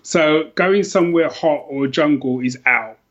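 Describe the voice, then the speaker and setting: Unhurried and fairly bright in tone, a middle-aged London man's somewhat high voice comes through dull audio. As a podcast guest, he chats casually about personal stories, enthusiastic and rambling, with frequent repetition.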